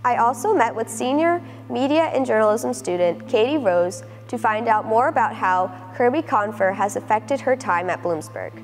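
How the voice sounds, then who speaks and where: A woman's voice: fairly high pitch, expressive, moderate pace, few pauses. Woman reading a news package voice-over. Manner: clear, read-out delivery. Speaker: student reporter and narrator. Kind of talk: scripted narration. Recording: reverberant voice-over with music.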